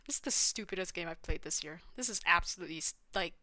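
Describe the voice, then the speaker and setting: A woman streamer giving casual commentary on a game she is playing, sarcastic and blunt, with loud laughs and swearing. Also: fairly low pitch, fast talker, no room sound.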